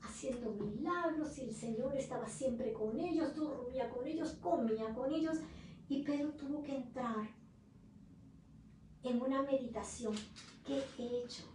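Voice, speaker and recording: A woman pastor preaching a sermon as emotional storytelling, moving from loud to hushed moments. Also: high-pitched, unhurried, slight background noise. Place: church hall. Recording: distant, very echoey room.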